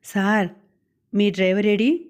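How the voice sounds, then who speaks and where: A woman's voice: medium pitch, unhurried, a little mellow, close to an everyday voice. A woman voicing a stern, scolding male traffic policeman, in an audiobook.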